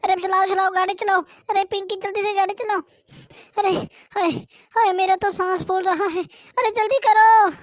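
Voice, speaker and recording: A woman's voice: extremely high pitch, little pitch movement, normal speed, no echo, clean studio sound. A woman voicing two chatty young village girls in a doll story, exclaiming often. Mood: panicked.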